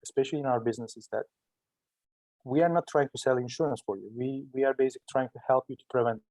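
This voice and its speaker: A man's voice: medium pitch, fast talker, a little mellow, no echo, rough recording. A man with a Turkish accent, a native Turkish speaker, giving conversational, explanatory interview answers and often rephrasing himself. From Turkey. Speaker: startup entrepreneur being interviewed.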